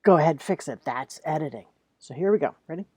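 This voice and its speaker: Husky, low and mellow, a woman teaching writing addresses students informally, her intonation lively and her key words emphasized. She reads examples aloud with care and then offers plain comments. The sound is completely dry, with no room echo at all.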